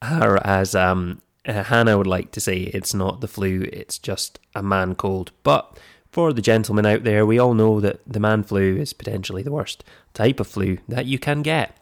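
A man with a croaky, froggy voice, hoarse from flu, presenting a podcast in a semi-scripted, explanatory way. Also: lowish voice, normal speed. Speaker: podcast host. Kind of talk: scripted personal finance podcast narration.

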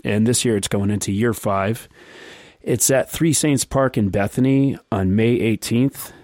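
A man hosting a casual podcast, talking in a relaxed, enthusiastic way. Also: on the low side, a little slow, no echo, studio quality. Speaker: podcast host.

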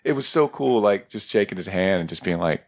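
A man's voice: sits low, animated, fairly quick. A man co-hosting a podcast, telling anecdotes in casual, jokey, slangy talk and acting out bits of dialogue. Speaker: podcast co-host.

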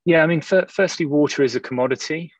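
A man speaking as an analyst guest in a podcast interview, explaining in a measured, hesitant way with repeated words. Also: fairly high pitch, no room sound, dull audio.

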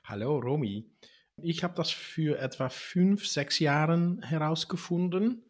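A man in his sixties from the Netherlands speaking German with a Dutch accent, answering interview questions haltingly with many fillers. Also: a little high, animated. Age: 60s. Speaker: guest.

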